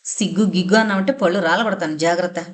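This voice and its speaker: A woman reading the part of a harsh middle-aged husband who threatens and blusters rapidly. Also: on the low side, close to an everyday voice. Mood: angry.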